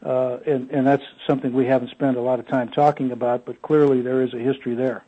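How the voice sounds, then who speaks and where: A man's voice: medium pitch, flat delivery, quick pace, slightly rough. A man giving an oral history interview, speaking with many fillers and restarts. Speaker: interview guest. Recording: dull, muffled lo-fi audio.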